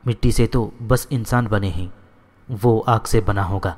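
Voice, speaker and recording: Low voice guy reading a novel aloud, steady pace, big echo on it. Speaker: narrator. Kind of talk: scripted novel narration.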